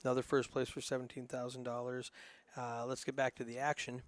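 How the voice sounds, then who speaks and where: A man's voice: mid-range voice, flat delivery, a little fast. A man with a northern Minnesota accent giving casual, rambling play-by-play commentary on a live poker stream, with plenty of ums and uhs. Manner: casual, chatty, rambling with frequent fillers.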